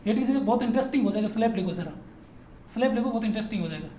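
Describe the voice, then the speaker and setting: Racing along in a high, animated voice with a dark tone, a Rajasthani male teacher runs a classroom grammar lesson. He drills his students playfully, answering his own questions and repeating points over and over. The recording has an echoey room and faint noise.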